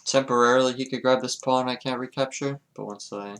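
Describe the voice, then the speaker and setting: A man's voice: medium pitch, fairly even intonation, brisk, fairly bright tone. A man streaming a chess game, thinking aloud in a casual, hesitant, muttering way. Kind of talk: casual live commentary while playing.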